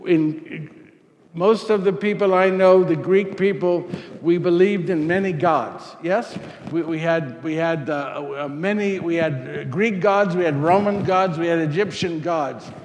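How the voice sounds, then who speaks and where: A man playing Saint Luke as an earnest Greek physician, speaking in character and answering audience questions in a rambling, repetitive way. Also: high voice. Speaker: costumed presenter. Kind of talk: first-person character talk with audience. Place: parish hall before an audience. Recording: echoey hall, faint noise.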